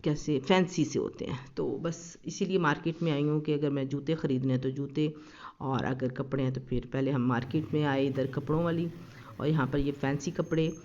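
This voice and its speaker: This woman narrates a family shopping and dining vlog as a casual voice-over, her low, slightly mellow voice holding a steady tone at normal speed. A family lifestyle vlogger, she talks in a homely, chatty way full of fillers, sounding a bit sore-throated. The lo-fi recording is slightly dull.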